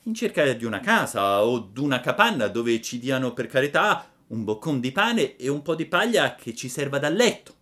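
A man voicing an eager young wooden puppet boy in a storybook reading, earnest and excited. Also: medium pitch, normal speed, hardly any pauses, voice pushed up. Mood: tender.

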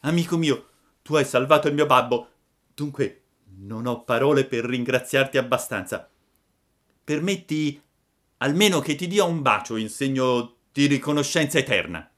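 A man voicing an eager young wooden puppet boy in a storybook reading, earnest and excited. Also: mid-range voice, measured pace, pitched above the performer's own voice. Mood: tender.

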